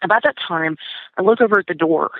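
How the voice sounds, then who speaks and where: A woman's voice: on the low side, fast, no room sound. A woman casually recounting a personal experience as a guest, talking with many fillers and restarts. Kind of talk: casual storytelling. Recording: tinny phone line, dry.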